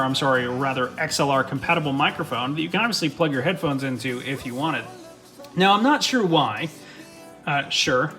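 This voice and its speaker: Speaking into a studio USB/XLR dynamic mic, a young man who streams walks through his home desk gear in a relaxed, excited ramble, with the odd swear word. His voice is a little high, bright and forceful.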